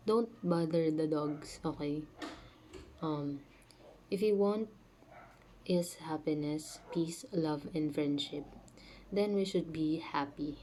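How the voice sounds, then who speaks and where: Talking to her viewers from home with her dogs close by, this sick channel host explains spiritual ideas in a casual, filler-heavy, chatty way. Her voice is low and mellow with a soft, dark tone, and a little room noise sits in the background.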